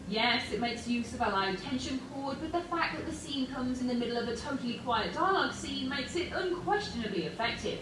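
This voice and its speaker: A woman's voice: fairly high pitch, background noise. A woman reading scripted countdown narration as the narrator of a list video. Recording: distant, very echoey playback, music behind.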